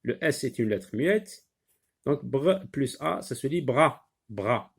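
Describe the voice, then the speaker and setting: A male teacher leads a phonics lesson for small children, saying each word several times and pausing with lots of hesitant fillers. His mid-range voice has lively intonation and a creaky, husky texture.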